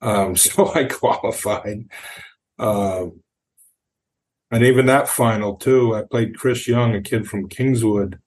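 A man's voice: lowish voice, takes it slowly, darkish tone, husky. A middle-aged man from New Hampshire, a golf coach, telling long rambling stories as a podcast guest. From New Hampshire, USA. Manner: rambling anecdotal storyteller, acts out quotes. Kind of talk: storytelling in an interview.

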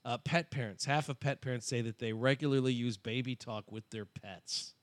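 A man's voice: mid-range voice, moderate pace, no room sound. A man co-hosting a casual podcast, reading out poll figures in a dry, matter-of-fact way. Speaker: co-host.

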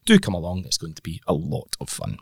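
A man's voice: sits low, wildly swooping pitch, fairly quick, gravelly, slightly rough, no echo, studio quality. Nasal, bunged-up Scottish male podcast host. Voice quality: nasal, congested. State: blocked nose from a cold. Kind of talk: casual chatty golf podcast presenting.

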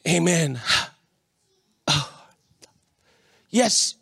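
High-voiced Singaporean man preaching in Singlish. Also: lively intonation, extremely slow, vocal fry, husky, dry recording. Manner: colloquial Singlish with particles like leh, eh and huh; emphatic, repeats phrases and seeks audience response. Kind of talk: sermon with personal anecdotes to a congregation.

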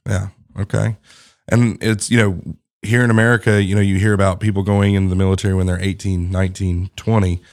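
A man's voice: low voice, level tone, fairly quick, a little mellow. A man hosting a podcast interview, chatty and affirming, with emphatic asides. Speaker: podcast host. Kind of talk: conversational interview.

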